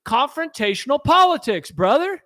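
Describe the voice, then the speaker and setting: A man's voice: extremely high pitch, very animated, normal speed, a bit bright. A man hosting a fiery advocacy livestream, combative and rallying. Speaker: gun rights advocacy host.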